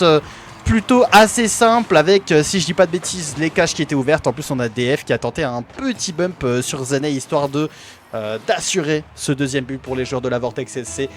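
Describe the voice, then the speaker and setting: A man's voice: on the high side, slight background noise. A man giving amateur play-by-play commentary on an esports match for his own team, hesitant, with many fillers and self-corrections.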